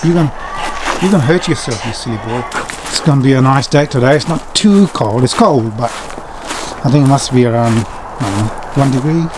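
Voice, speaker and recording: A man's voice: mid-range voice, brisk. A man chatting casually as a farm vlogger, calling out to animals in short bursts. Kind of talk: casual vlog chat. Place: outdoors on a farm. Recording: noisy outdoor farm ambience.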